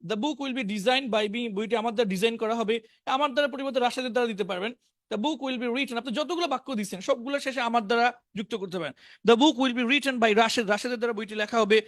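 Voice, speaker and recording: A man teaching spoken English in an online class, briskly drilling words and their meanings. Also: very high-pitched, dry recording, studio quality. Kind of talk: online class lesson, reading word lists.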